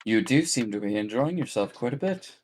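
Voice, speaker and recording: A man voicing a calm, inquisitive female fortune teller with measured, formal phrasing. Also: medium pitch, slight background noise, lightly acted. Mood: calm, probing.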